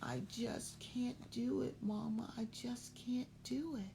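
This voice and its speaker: A woman voicing a timid young girl bird who is scared to fly, soft and whispery. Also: a little high, lively intonation, slow pace, background noise, pitched above the performer's own voice. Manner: small, timid, breathy and whispery.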